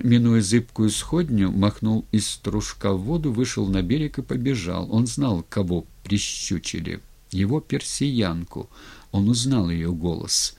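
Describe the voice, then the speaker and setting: A man narrating a novel as an audiobook in a measured, dramatic reading. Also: lowish voice, gravelly, darkish tone. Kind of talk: scripted literary narration.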